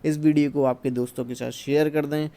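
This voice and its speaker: A man from India goes through exam questions as a teacher. He reads each English question slowly and then explains it in Hindi. His voice sits slightly high and sounds mellow and soft. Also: little pitch movement, gravelly.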